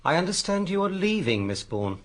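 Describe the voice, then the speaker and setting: An actor playing a blunt, self-assured police inspector who questions people brusquely and a little patronisingly in a radio drama. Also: male voice, high-pitched, very animated, moderate pace, fairly bright tone, full character voice. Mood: stern. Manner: brusque, interrogating, slightly patronising.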